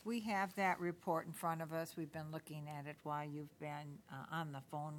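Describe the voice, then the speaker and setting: Low-voiced woman chairing a hearing. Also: flat delivery, normal speed, a little hiss or hum. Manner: conversational, clarifying. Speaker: commission chair. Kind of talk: formal hearing.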